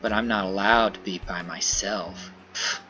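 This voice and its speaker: A man's voice: low-pitched, fairly even intonation, unhurried, sharp tone, faint music behind, pitched below the performer's own voice. A man voicing a sulky rude teenage boy. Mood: sulky ranting. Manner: whiny complaining tone. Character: sulky rude teen boy who rants.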